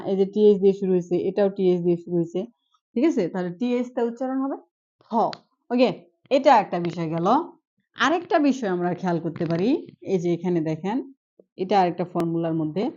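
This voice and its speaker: A woman's voice: medium pitch, expressive, quick pace, mellow, highs cut off. A woman giving an online English pronunciation lesson, patiently repeating each point and checking that the students follow. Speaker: English teacher.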